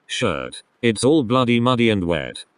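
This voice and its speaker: A man voicing a gentle, guilt-ridden teenage boy in a read-aloud text story, speaking softly and plainly. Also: medium pitch, very animated, a little slow, dry recording. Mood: quiet.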